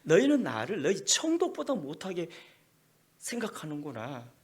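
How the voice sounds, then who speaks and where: A man's voice: a little high, wildly swooping pitch, normal speed, breathy edge, exaggerated voice. A male pastor voicing an angry God who rebukes his priests with repeated, thundering demands. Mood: wrathful rebuke.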